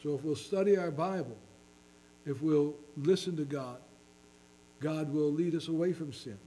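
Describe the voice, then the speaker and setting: A man's voice: on the high side, normal speed, dark tone, a little hiss or hum, low-quality recording. A man preaching a sermon as pastor, earnestly reading scripture in King James wording.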